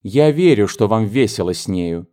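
A man reading an audiobook, voicing a proud, easily angered elder sister who speaks in sharp, indignant outbursts. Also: fairly low pitch, animated, normal speed, lightly acted.

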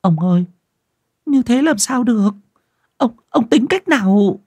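A shrill, panicky village wife. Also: male voice, lively intonation, a little slow, vocal fry, husky, no room sound, heavily acted. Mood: anxious. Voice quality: shrill falsetto wailing. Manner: frantic, pleading, stammering. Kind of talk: audio horror story reading.

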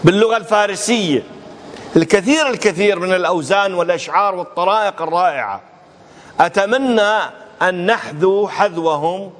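A man giving a televised lecture on religious oratory. He speaks with emphasis and acts out word pronunciations aloud to make his points. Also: high voice. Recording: long hall reverb, faint background noise.

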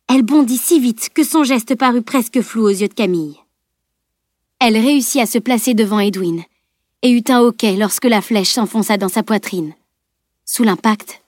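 A woman reading a fantasy novel aloud as an audiobook narrator, steady and expressive. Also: mid-range voice, no room sound, studio quality.

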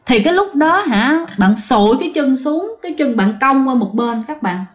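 A woman's voice: high-pitched, sing-song, moderate pace, roomy sound. A woman telling a ghost story in a chatty way, often speaking straight to her listeners. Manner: chatty, addresses listeners directly, vivid retelling. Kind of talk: casual ghost story narration.

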